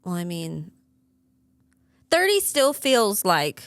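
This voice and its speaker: A woman's voice: mid-range voice, very animated, dry recording. A woman in her thirties co-hosting a podcast in casual chat, playful and teasing. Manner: playful, teasing, quick to laugh. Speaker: podcast co-host.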